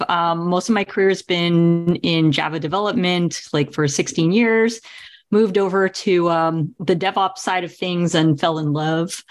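Friendly lower-voiced woman from Brazil. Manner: friendly, laughs lightly. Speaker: guest, developer advocate. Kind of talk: self-introduction in panel chat.

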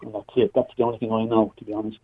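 Dublin fella on a tinny phone line, talks quick and flat, bit husky, casual explaining. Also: male voice, lowish voice, dry recording. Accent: Dublin Irish. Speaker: phone-in guest, community worker.

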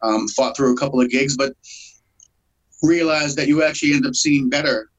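Heard through a muffled recording, a man in his forties with a medium-pitched, brisk voice chats casually in an interview. He's a solo acoustic musician, a bit stuffed up from a cold, and he laughs and uses fillers a lot.

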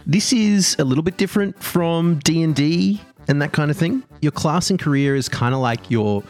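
A man's voice: fairly high pitch, expressive, moderate pace, darkish tone, faint music behind. A man as game master, explaining rules in casual, filler-heavy chat.

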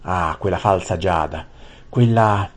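A man voicing a hot-tempered young prince who shouts and rants. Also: deep voice, a little slow. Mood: furious. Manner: shouting, ranting.

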